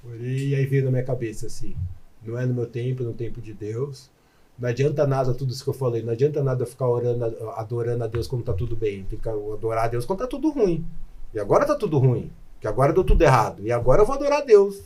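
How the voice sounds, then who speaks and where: A Brazilian man, a podcast guest, telling a personal testimony in an animated, emotional way and acting out his prayers aloud. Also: a little high. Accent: Brazilian Portuguese.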